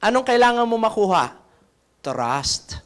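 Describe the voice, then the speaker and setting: A man with a notably high voice leads a sales training seminar. He coaches in a conversational way and keeps turning to the audience with questions to pull them in. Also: sing-song, unhurried. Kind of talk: seminar talk.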